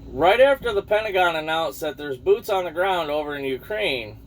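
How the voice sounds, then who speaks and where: A man's voice: on the high side, lively intonation, moderate pace. A man rambling casually about the news to his viewers, losing his thread now and then and swearing offhand. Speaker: vlogger.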